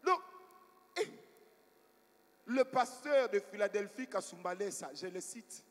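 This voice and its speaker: A man's voice: high voice, normal speed. A man preaching a sermon as pastor, telling stories and asking the congregation for responses. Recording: long hall reverb.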